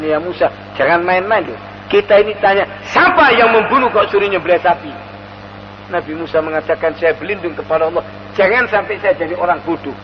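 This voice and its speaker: Male preacher, high voice, long hall reverb, chants verses between storytelling. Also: muffled recording, background noise. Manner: animated storyteller, chants Quranic verses slowly. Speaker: Islamic preacher. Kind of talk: sermon storytelling. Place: mosque hall.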